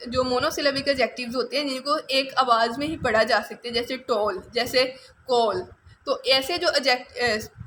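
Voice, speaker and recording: A woman with a Pakistani accent teaches a grammar lesson, spelling out rules and drilling word lists slowly. Her voice sits high and sounds crisp and bright. A faint noise floor runs underneath. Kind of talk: exam-prep grammar lecture.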